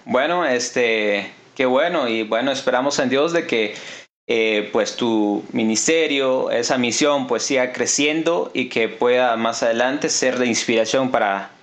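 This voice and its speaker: A man hosting a church podcast in a casual, halting way with many fillers. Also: medium pitch, a bit bright. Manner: hesitant, many fillers and restarts. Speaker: podcast host. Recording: echoey room.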